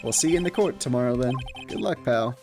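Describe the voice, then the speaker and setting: A man voicing a loyal, gruff male police detective who talks in a folksy way, with game music behind. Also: medium pitch, fast talker, natural voice. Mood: earnest. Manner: folksy, calls everyone pal.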